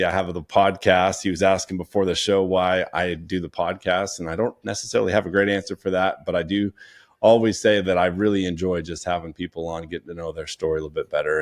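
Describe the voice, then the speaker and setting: Deep-voiced young male podcast host, easygoing and chatty, loose rambling delivery. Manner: chatty, laid-back, rambling with fillers. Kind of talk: casual interview chat.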